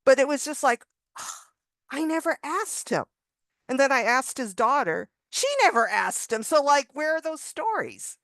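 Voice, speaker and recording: A woman with a high, bright-ish voice and lively intonation speaks a little slowly as a contributing author on a video panel. Over a video call, she tells a story conversationally, rambling with many restarts and little laughs. There's no echo, and the recording is studio quality.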